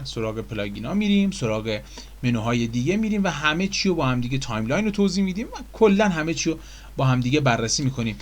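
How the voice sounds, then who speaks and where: A man casually explaining software menus in a screen-recorded tutorial, chatty and full of fillers. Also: mid-range voice. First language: Persian.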